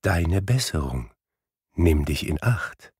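A man voicing a gentle Christmas spirit with a soft, quiet, melodious voice. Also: low voice, very animated, slow, breathy edge, no room sound, studio quality, full character voice. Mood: solemn. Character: gentle ghost of Christmas past.

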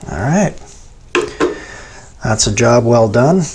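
A man's voice: mid-range voice, animated, slow, background noise. A man hosting a machining tutorial, explaining hands-on steps in an informal, folksy way. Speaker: host of a machining how-to channel. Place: home machine shop, indoors at a lathe.

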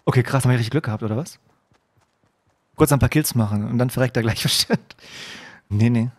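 A man streaming a game live, chatting to viewers and breaking into excited shouts, dropping to a hushed mutter when he sneaks. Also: medium pitch, fairly quick, dry recording, clean studio sound. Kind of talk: live gameplay commentary. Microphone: desk microphone.

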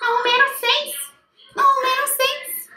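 A woman voicing a cheerful little boy puppet in a children's lesson, with a bright, squeaky sing-song delivery and a Brazilian accent. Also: flat delivery, slow pace, reverberant, heavy background noise.

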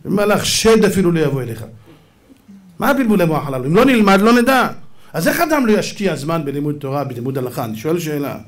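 A man with a high voice preaches a sermon as a rabbi, full of drama. He rises to loud outbursts, drops to hushed low passages, and acts out imagined dialogues as he goes. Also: very animated. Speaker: rabbi giving a Torah lecture.

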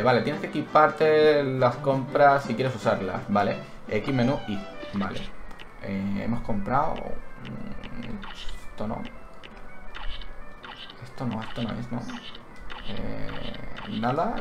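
Excitable man playing a game. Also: medium pitch, slow pace, creaky, long pauses. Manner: excitable, yelps and cries out when hit; thinks aloud, reads menu text aloud. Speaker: gaming channel host. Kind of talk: Let's Play commentary. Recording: roomy echo with game music behind.

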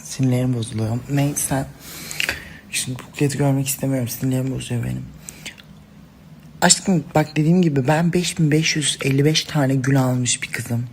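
A woman's voice: very deep voice, steady tone, normal speed, a little mellow, slight background noise. A woman talking to her followers in casual phone story clips, dramatic and gushing, calling them princesses and girls. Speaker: social media personality.

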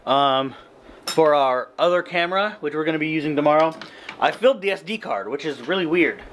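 A man in his thirties, vlogging casually in a small hotel room late at night, talking slowly and rambling with lots of fillers because he is very tired. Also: a little high, lively intonation, a bit bright, slight background noise. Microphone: handheld camera close to face.

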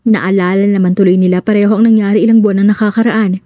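A woman narrates a romance audiobook in a steady, storytelling manner. Her voice is mellow and warm, recorded dry and close. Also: mid-range voice, quick pace, dry recording.

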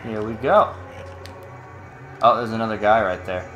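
A man giving casual, excitable commentary while playing a game and swearing when panicked. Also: fairly low pitch, unhurried, highs cut off. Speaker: let's play gamer. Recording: loud game music behind the voice.

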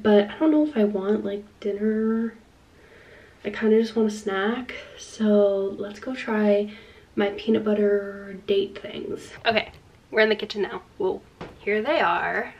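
Recorded on a distant mic, a medium-pitched young woman in her twenties vlogs casually from home, rambling with plenty of "like" fillers. She comes from Long Island, USA, and has a Long Island American accent. The chat starts in a small indoor room and continues in her home kitchen.

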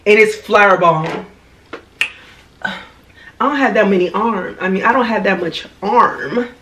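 Lively Haitian woman reviewing perfumes. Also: medium pitch, a little slow, a little hiss or hum. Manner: animated and slangy, with a lot of "you know what I mean". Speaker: beauty vlogger. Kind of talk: casual product review.

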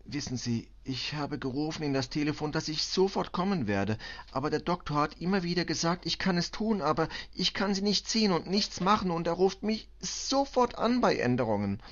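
Male reader playing a shaken Balkan cleaning woman, stammering, high strained voice, dull audiobook sound. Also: lively intonation, a bit bright. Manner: halting broken German, stammering, tearful. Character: distraught middle-aged female refugee cleaner. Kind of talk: audiobook reading.

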